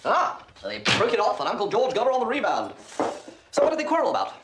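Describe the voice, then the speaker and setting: An actor playing a genial, flustered young upper-class gentleman who talks in a dithering, hesitant way. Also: high voice, huge pitch swings, fast talker, background noise.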